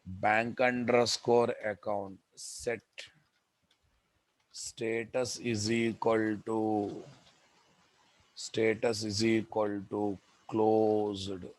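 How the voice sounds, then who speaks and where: A programming instructor with a Telugu Indian accent teaches live coding, dictating code aloud, repeating phrases and speaking directly to his students. His voice is on the low side, with a flat delivery at an extremely slow pace and no echo.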